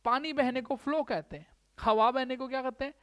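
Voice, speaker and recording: A woman teaching an exam-prep grammar lesson, repeating words slowly and asking checking questions. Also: high voice.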